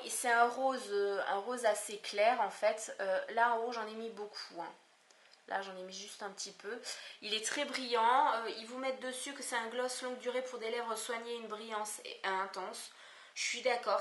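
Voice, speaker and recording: A woman's voice: fairly high pitch, a bit bright. Chatty hesitant French woman vlogger. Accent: Southern French. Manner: hesitant, many fillers and restarts. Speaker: beauty vlogger. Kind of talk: casual haul video chat. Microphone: camcorder microphone. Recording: echoey room on camcorder mic.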